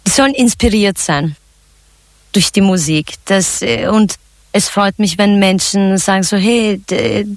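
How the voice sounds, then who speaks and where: Woman singer from Turkey, relaxed and chatty interviewee; dry studio mic. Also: medium pitch, a little slow, no echo. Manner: relaxed, chatty, laughs often, many fillers. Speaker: singer and songwriter. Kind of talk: radio interview answers.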